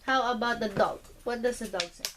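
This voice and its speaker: A woman's voice: a little high, fairly even intonation, brisk. A woman playing with her small son at home, talking to him in simple, patient words. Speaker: mother playing with her toddler. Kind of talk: casual home video play. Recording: home video with noise.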